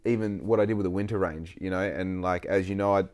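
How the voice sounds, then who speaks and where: A man's voice: low-pitched, steady tone, quick pace, a little mellow. A man in his late twenties with an Australian accent, hosting a casual podcast chat and telling stories in a rambling, sweary way. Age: 20s. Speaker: podcast host.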